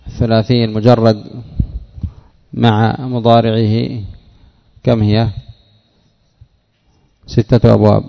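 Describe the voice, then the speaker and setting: A man teaching a classroom lesson, putting questions to his students and drilling word patterns slowly. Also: medium pitch, creaky. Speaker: teacher of Arabic morphology. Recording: dull audio with long hall reverb.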